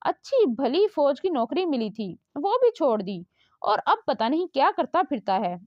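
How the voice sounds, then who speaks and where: A woman's voice: high voice, big pitch swings, a little slow, no room sound. A woman voicing a nagging, scolding but loving middle-aged mother. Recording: dull lo-fi dry recording.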